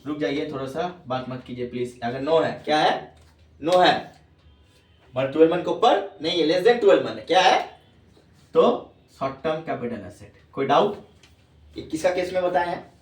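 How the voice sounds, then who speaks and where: This classroom tax lecture comes from a man whose voice sits on the high side, animated and at a normal pace. He calls his students "babu" and repeats questions to make sure they're following, recorded from a distance in an echoey room.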